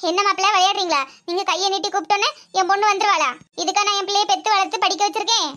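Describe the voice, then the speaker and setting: Cartoon: woman playing a shrill, bright, indignant greedy mother-in-law with a Tirunelveli accent. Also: steady tone, rapid-fire. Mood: mocking. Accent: Tirunelveli Tamil. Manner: scolding, indignant, sharp-tongued. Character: scheming greedy middle-aged mother-in-law. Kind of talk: cartoon comedy voice acting.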